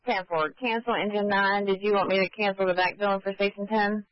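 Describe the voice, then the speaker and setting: A man's voice: high-pitched, fairly even intonation, a little fast, dry recording. A man working as a fire dispatcher, giving terse acknowledgements over the radio. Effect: two-way radio. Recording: dull lo-fi radio channel.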